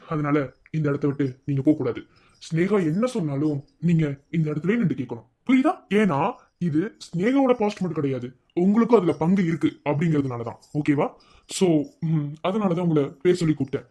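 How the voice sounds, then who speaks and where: A man voicing a calm, firm male college lecturer in a cartoon, speaking in a steady, lecturing way. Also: on the high side, a little fast. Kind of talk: cartoon voice acting.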